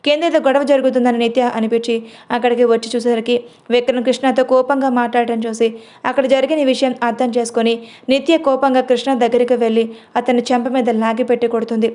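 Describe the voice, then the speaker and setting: A woman narrating a serialized drama story in a steady reading voice. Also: a little high, quick pace.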